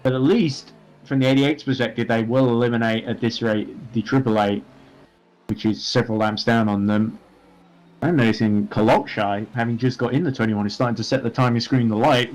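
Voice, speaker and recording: A man giving live commentary on a sim race, working through gaps and strategy with frequent fillers. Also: mid-range voice.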